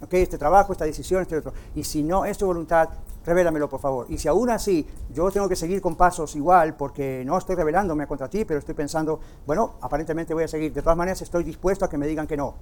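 A man's voice: a little high, quick pace, darkish tone. An older male pastor preaching a sermon, telling a story animatedly and putting rhetorical questions to his congregation.

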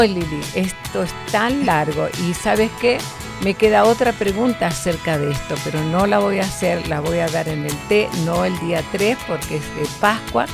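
Deep gravelly older woman. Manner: measured, explanatory, many fillers. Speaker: host.

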